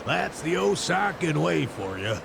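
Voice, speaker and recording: A man voicing a brash, playful, cocky brawler in a video game, with loud music over the voice. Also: fairly high pitch, big pitch swings, unhurried, creaky, noisy background, exaggerated voice.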